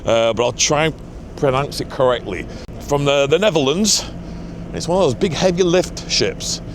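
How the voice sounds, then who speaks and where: A man's voice: on the high side, moderate pace, background noise. Chatty man filming outdoors by a canal. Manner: chatty, rambling, laughs at himself. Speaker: ship-watching vlogger. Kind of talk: casual on-location commentary. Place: outdoors beside a canal lock.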